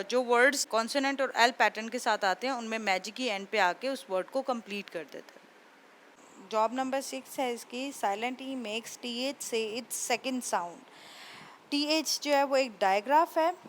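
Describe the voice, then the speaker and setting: A woman's voice: fairly high pitch, fairly bright tone, slight background noise. Woman patiently sounding out words. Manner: patient, explains step by step, sounds words out slowly. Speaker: teacher. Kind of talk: phonics lesson for kids.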